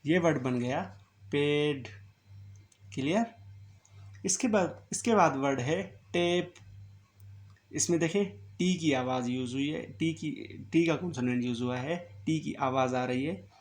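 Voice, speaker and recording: A patient man teaching shorthand, walking through each word slowly and asking if it is clear. His voice sits a little high for a man. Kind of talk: step-by-step classroom instruction.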